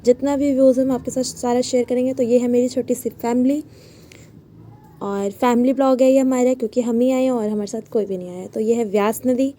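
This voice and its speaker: Chatty woman vlogger with a mellow voice. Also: on the high side, steady tone, a little fast, a little hiss or hum. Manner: chatty, repeats phrases like "so finally". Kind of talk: casual travel vlog narration.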